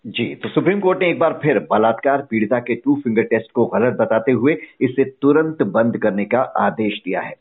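Male news anchor, husky tone, tinny narrowband sound; formal and measured. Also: medium pitch, lively intonation. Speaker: news interviewer. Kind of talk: news interview. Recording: husky, phone-like line.

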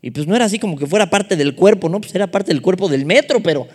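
Mexican male preacher, high voice, lively humorous storyteller, long hall echo. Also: fast talker. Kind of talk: sermon.

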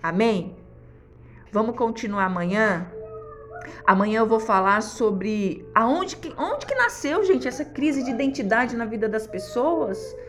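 A woman's voice: on the high side, animated, a little slow, soft background music. A woman pastor, preaching a devotional sermon in a fervent, exhorting way with repeated refrains.

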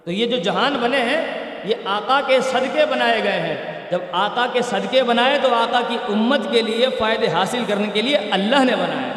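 High-voiced man preaching in an echoey hall. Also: distant mic. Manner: storytelling, rhetorical questions, animated teaching. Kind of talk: sermon.

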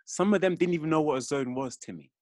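A man's voice: on the high side, fast talker, warm tone, dry recording, clean studio sound. Laughing boastful man. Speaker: podcast co-host. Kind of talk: casual podcast chat.

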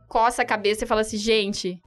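A woman's voice: fairly high pitch, lively intonation, fairly quick, fairly bright tone, faint music behind. A Brazilian woman tells a travel story in casual conversation. She laughs often, acts out dialogue and keeps checking in with tag questions. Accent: Brazilian Portuguese. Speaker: guest telling a travel story.

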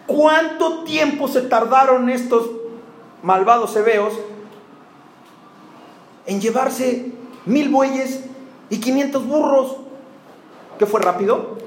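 A man's voice: very high voice, slow pace, long pauses. A man with a Mexican accent preaching a sermon, firing rhetorical questions and jokes at the congregation. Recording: roomy hall with faint background noise.

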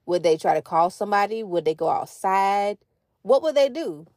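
A woman's voice: mid-range voice, expressive, moderate pace, a little mellow, no echo, studio quality. A woman in her thirties telling a family story on her podcast in a chatty, conversational way, turning to ask listeners questions. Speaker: podcast host, mother. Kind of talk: casual storytelling monologue.

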